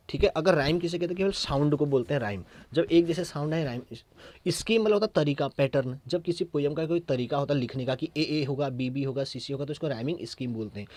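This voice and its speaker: Man, Indian accent, English teacher, classroom lesson, fairly high voice, dry close sound. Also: a little mellow, dry recording. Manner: repetitive, checks understanding with short questions; reads English verses slowly and deliberately.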